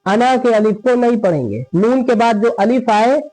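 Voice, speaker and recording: A man teaching Quran reading step by step, spelling out syllables slowly, asking questions and answering them himself. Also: extremely high pitch, expressive, mellow, no echo, rough recording. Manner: slow, drawn-out spelling of syllables, repeats words often. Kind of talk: step-by-step recitation lesson.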